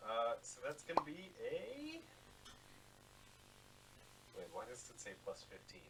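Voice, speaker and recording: A man's voice: mid-range voice, wildly swooping pitch, measured pace, noisy background. A man playing a tabletop game, talking through his moves and dice rolls. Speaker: player.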